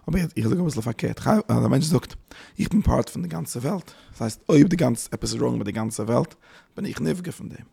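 Gravelly, husky man giving a halting lecture. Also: medium pitch, lively intonation, dark tone. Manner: halting, searching for words, mixing in English terms. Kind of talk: spoken religious lecture.

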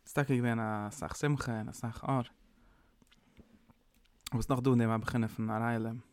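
A man's voice: medium pitch, fairly even intonation, moderate pace, no room sound. A man giving an informal, rambling sermon, mixing in English words. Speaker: preacher. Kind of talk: informal Yiddish-tinged sermon.

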